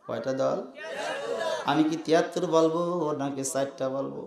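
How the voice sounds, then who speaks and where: A man preaching a fiery sermon, swinging between loud calls and hushed asides, breaking into chant-like sung phrases and urging the crowd to answer back. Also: medium pitch, fairly even intonation, moderate pace, creaky. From Bangladesh. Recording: echoey, roomy sound.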